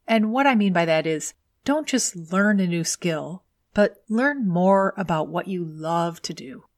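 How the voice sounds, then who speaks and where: Woman giving tidy podcast career advice, lower-pitched. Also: no room sound, studio quality. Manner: tidy, orderly, instructional delivery. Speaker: podcast host and career coach. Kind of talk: scripted solo advice podcast narration.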